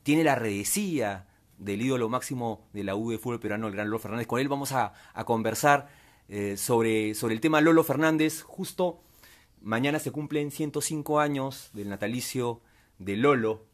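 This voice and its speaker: A man hosting a sports chat, introducing guests and pitching a sponsor into a handheld mic in a small room. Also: normal speed. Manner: lively, promotional, reads out phone numbers. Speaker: host. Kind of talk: sports talk show hosting. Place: small cluttered decorated room, indoors. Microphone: handheld wired mic.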